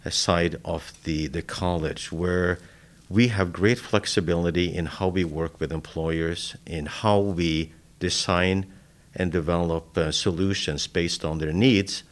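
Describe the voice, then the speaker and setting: A man from Norway, a college vice president giving measured, explanatory answers in an interview. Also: sits low, fairly even intonation.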